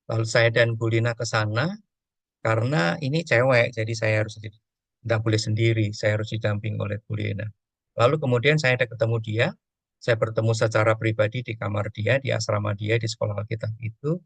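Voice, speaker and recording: A man's voice: lowish voice, fairly quick, vocal fry, fairly bright tone, husky, no echo. A man, a pastor, teaching on emotions and prayer, telling a story and acting out prayers and dialogue.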